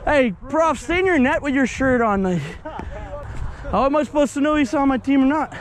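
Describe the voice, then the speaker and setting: A young man with a Québécois French accent talks while he plays soccer, out of breath and joking. His voice sits very high and swings widely. Loud chatter from the other players surrounds him on an open field. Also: moderate pace. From Quebec, Canada. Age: young adult. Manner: excitable, joking running commentary. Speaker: hockey player. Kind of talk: mic'd-up play-by-play while playing soccer. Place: outdoor field. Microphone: body-worn action camera.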